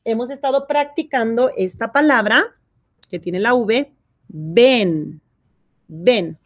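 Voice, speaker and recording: A woman teaching a kindergarten phonics lesson, sounding out letters and syllables one by one and praising the children. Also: fairly high pitch. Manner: sounds out letters and syllables slowly, warm encouragement.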